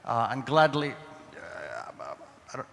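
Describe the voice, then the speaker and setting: A middle-aged man with a Finnish accent, giving a halting, hesitant talk as a guest on a conference panel. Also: medium pitch, very animated, vocal fry, fairly bright tone. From Finland. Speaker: guest speaker on open data. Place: large conference hall with ambient noise. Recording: noisy, long hall reverb.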